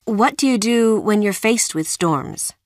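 A woman's voice: mid-range voice, expressive, a little slow, no room sound, studio quality. A woman interviewer asking scripted questions.

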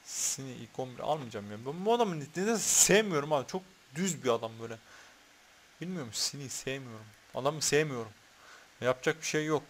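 Fairly quick and lively in intonation, this medium-pitched man is a gaming YouTuber narrating his own football video game. He talks to the on-screen players, curses, and gets riled up over fouls, and a faint hiss or hum runs under the recording.

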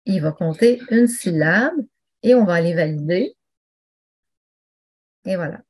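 A woman's voice: fairly low pitch, lively intonation, a little slow, a little mellow. A woman presenting an online teaching webinar, chatty and full of fillers and restarts. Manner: conversational, with many fillers and restarts.

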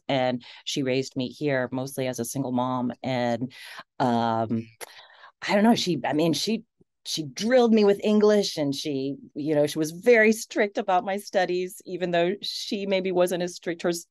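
Appearing as a guest on a video-call interview, this low-voiced American woman in her forties is lively, laughs readily, and frequently starts her sentences over. The recording is dry and close-miked.

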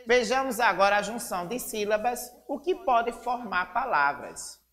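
A woman teacher with a Brazilian accent giving a slow, deliberate literacy lesson, spelling out syllables. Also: on the high side, animated, fairly bright tone, big-room sound. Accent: Brazilian Portuguese.

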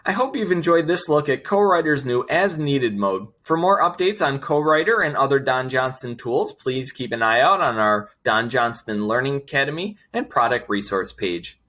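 A man's voice: mid-range voice, animated, normal speed, few pauses, sharp tone. A man in his thirties narrating an instructional screencast, explaining step by step in an upbeat way. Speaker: software trainer presenting a tutorial.

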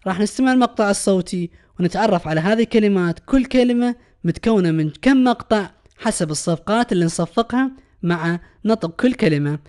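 A man's voice: sits high, fast, a little mellow, clear, resonant tone. Patient Iraqi man teaching English words. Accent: Iraqi Arabic. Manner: patient, repeats each word and translates it. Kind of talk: recorded classroom lesson explanation.

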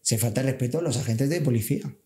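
A man's voice: medium pitch, quick pace, warm tone, echoey room. A man, a civil guard officer talking earnestly in a casual podcast, backing his points with everyday examples.

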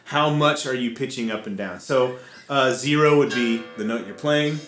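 A man's voice: mid-range voice, normal speed, a bit bright, echoey room. A man casually explaining guitar effect settings step by step, with frequent fillers. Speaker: co-host demonstrating guitar effects.

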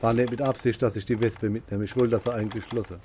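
A man playing a co-op video game, chatting casually with his partner and shouting excitedly at the monster. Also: mid-range voice, quick pace, slight background noise. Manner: talks to himself and partner, excitable outbursts, cursing at the monster. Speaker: gamer playing co-op. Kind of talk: casual gaming commentary.

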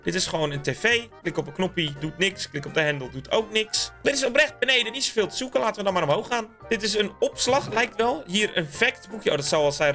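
A man giving excitable, chatty let's-play commentary on a block-building game and talking straight to his viewers. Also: sits high. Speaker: gaming YouTuber.

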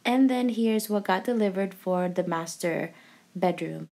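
A woman's voice: fairly low pitch, unhurried, warm tone. A young adult woman vlogger giving a cheerful, chatty voice-over for a home video, with frequent ums and uhs.

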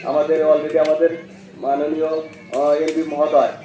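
A man addressing a prayer congregation on an open ground, halting often with drawn-out "ah" fillers. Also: a little high, level tone, noisy background. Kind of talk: public address over a loudspeaker. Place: outdoor Eid prayer ground. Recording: echoey open-air loudspeaker sound, from far off.

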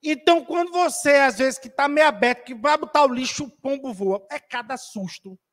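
Man, high voice, chatty, teasing, spiritist lecture, auditorium. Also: normal speed, a bit bright. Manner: chatty, teasing, addresses audience by name. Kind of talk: humorous storytelling lecture.

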